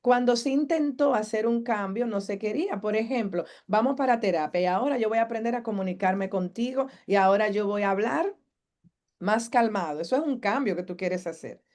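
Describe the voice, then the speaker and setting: Woman, psychologist, masterclass talk, asks the audience questions, acts out family members' lines, fairly high voice. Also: a little mellow.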